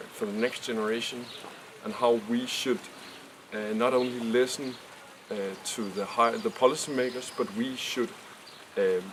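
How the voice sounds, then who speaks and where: A man's voice: medium pitch, background noise. A man in his twenties from Denmark, a design student, speaking thoughtfully with small hesitations. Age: 20s. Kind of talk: outdoor interview answers.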